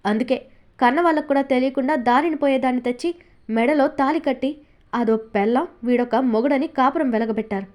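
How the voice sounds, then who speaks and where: A woman reads a domineering middle-aged father from a novel, full of scorn and command. The voice sits high and bright. The reading is steady. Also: fairly quick, close to an everyday voice. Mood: scornful anger. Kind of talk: audiobook character reading.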